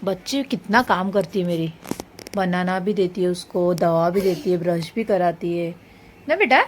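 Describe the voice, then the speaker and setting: In this casual home vlog, a woman speaks gently and questioningly to her little child, then talks to her audience, all from her apartment-building home. Her voice sits on the low side at a normal speed, with a slight hiss or hum in the recording.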